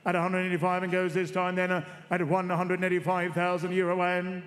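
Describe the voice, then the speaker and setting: At a horse sale, an auctioneer rapidly calls bloodstock bids in a rhythmic, repetitive chant, coaxing the room for more. His high, fairly bright voice is brisk yet completely flat in delivery. The sales ring gives a long reverb, and there's a little hiss or hum.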